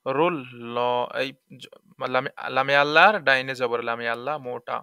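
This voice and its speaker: A man's voice: mid-range voice, moderate pace, sharp tone, smooth, no echo, clean studio sound. A man teaching tajweed. He spells words out letter by letter, stretches the vowels when he recites, and keeps asking the listener questions.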